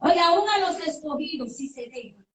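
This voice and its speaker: Woman preacher, high voice, emphatic and questioning; distant mic in an echoey sanctuary. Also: expressive, normal speed, slight background noise. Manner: emphatic, with rhetorical questions and acted-out dialogue. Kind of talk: sermon. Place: church sanctuary. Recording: echoey room, voice from far off the mic.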